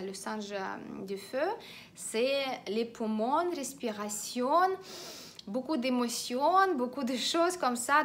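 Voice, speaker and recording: Lady explaining feng shui, slightly high voice, lots of euh and restarts. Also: fairly bright tone. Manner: hesitant, many filler sounds and restarts; instructive, repeats directives. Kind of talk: explanatory online teaching.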